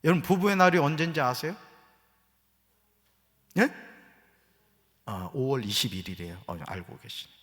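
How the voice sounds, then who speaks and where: In a church sanctuary with hall reverb, a middle-aged pastor preaches a sermon in a mid-range voice at normal speed, leaving long pauses. He jokes with the congregation before turning earnest, delivering a humorous, animated sermon full of jokes and quoted voices.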